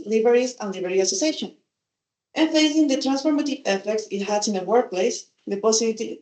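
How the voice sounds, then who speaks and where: A young Chilean woman whose first language is Spanish reads a prepared presentation at a seminar, using careful, formal wording. Her voice is mellow and on the high side, recorded in an echoey conference room.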